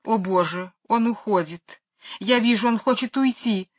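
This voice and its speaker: A woman's voice: a little slow, natural voice. A woman reading an audiobook voices a fussy, hysterical older lady who wails melodramatically over her dog. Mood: tearful. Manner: shrill, wailing and melodramatic. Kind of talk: audiobook character voice. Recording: dull lo-fi recording.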